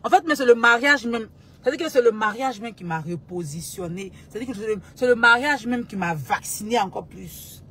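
A woman being interviewed as a guest artist, speaking in a calm, measured way, often hesitating and repeating words as she thinks. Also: fairly high pitch, breathy edge. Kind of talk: talk-show interview answer.

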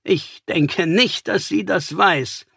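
A male narrator voicing a calm, superior detective in an audiobook, slow and measured with a husky tone. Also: high-pitched, dry recording, clean studio sound, pitched above the performer's own voice, heavily acted.

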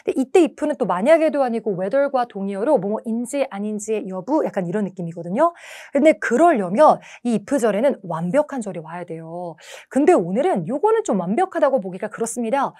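Young woman lecturer walking thru grammar, highish voice, bouncy intonation, leans on key words. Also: moderate pace, few pauses. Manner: explanatory, animated, stresses key words. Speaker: English test-prep lecturer.

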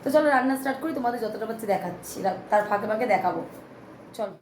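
Hoarse-voiced woman chatting fast at home. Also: on the high side, lively intonation, a little mellow, a little hiss or hum, low-quality recording. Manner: chatty, addresses viewers directly. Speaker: vlogger. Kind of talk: casual home vlog talk to viewers. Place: small home flat. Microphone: phone held in hand.

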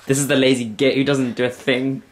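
A man's voice: mid-range voice, level tone, a little fast, slight background noise. A young man filming his friends, teasing and sarcastic, chatting casually.

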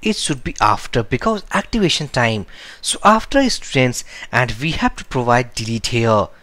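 A man's voice: mid-range voice, animated, moderate pace, a bit bright, no room sound. A man teaching a screen-recorded programming lesson, explaining step by step in nonstandard English and correcting himself aloud. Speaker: programming tutor.

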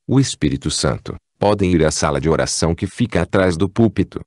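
A Brazilian Portuguese-accented man reads an audiobook in a calm, steady narration. His voice sits very low. The recording is dry and close, with no room sound. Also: no room sound. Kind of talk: scripted narration.

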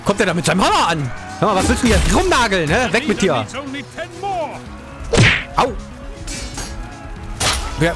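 A young man giving excitable, slangy gameplay commentary, yelping and laughing as he plays. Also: high voice. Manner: excitable, slangy, laughs often, yelps at hits. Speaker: gaming YouTuber.

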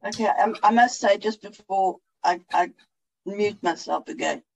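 Male attendee, high husky gravelly voice, heartfelt thanks. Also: a little slow, poor audio. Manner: effusive, emotional thanks. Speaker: grateful attendee.

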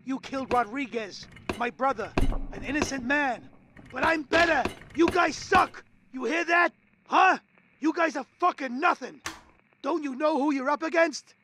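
Horror game villain: vengeful, boastful male killer, very high taunting voice, noisy tape. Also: moderate pace. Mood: taunting rage. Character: cocky, foul-mouthed vengeful male killer. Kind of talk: dramatic audio log in a horror game. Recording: noisy, distant tape recording.

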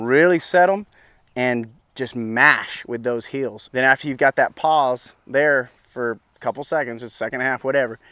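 A man's voice: medium pitch, fairly bright tone, clean tone, dry recording. A man in his thirties coaching a new bronc rider outdoors at a ranch pen, talking in a loose, easygoing way and often saying "you know what I'm saying". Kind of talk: casual instruction.

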